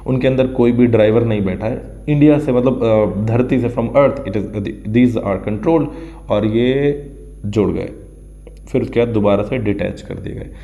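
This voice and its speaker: A man's voice: lowish voice, a little slow, mellow. Man teaching in a roomy echo. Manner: mixes Hindi and English, repeats words to drill pronunciation, draws while explaining. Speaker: English teacher. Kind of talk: explaining an English news text in Hindi for exam students. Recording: roomy, dull lo-fi sound.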